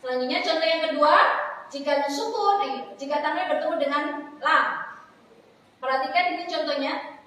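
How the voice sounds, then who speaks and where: High-voiced woman teaching Quran recitation. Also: a bit bright, a little hiss or hum. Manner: chants Arabic phrases slowly, then corrects in plain speech. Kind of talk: tajwid lesson with chanted recitation examples. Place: foundation office classroom. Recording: echoey hall, far from mic.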